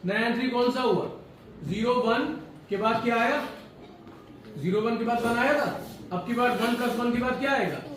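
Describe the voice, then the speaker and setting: A man's voice: extremely high pitch, normal speed, fairly bright tone, slight background noise. A man teaching a programming class in a classroom, mixing Hindi with English and quizzing his students as he goes. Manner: mixes Hindi and English, asks students questions. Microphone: far from the mic. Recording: very echoey room, distant mic, faint ambience.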